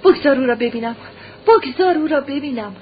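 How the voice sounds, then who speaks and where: A woman's voice: high voice, dull audio, a little hiss or hum, pitched above the performer's own voice, lightly acted. Tearful pleading noble mother, read by a woman. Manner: pleading, choked with tears. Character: desperate loving mother, noble lady. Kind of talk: audiobook reading.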